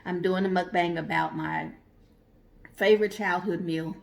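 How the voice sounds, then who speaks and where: A woman's voice: fairly low pitch, steady tone, unhurried, gravelly. A woman vlogger from Oklahoma, chatting casually and rambling as she thinks aloud in a mukbang video. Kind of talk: casual mukbang vlog talk.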